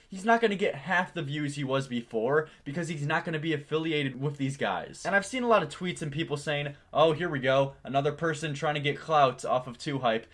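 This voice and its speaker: A man's voice: fairly high pitch, a bit bright. Sarcastic, swearing man doing drama commentary. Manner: sarcastic, scornful; emphatic, heavy casual swearing. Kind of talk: casual opinionated exposé commentary.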